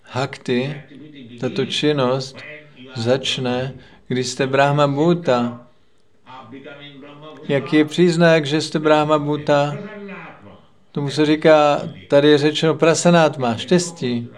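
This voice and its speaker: A man giving a religious lecture in a measured, preaching manner, repeating phrases in lists. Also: fairly high pitch, steady tone. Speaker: spiritual lecturer.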